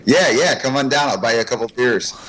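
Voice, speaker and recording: A man giving a casual interview as a guest, in a laid-back, halting way. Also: mid-range voice, noisy background. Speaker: interview guest, martial arts instructor.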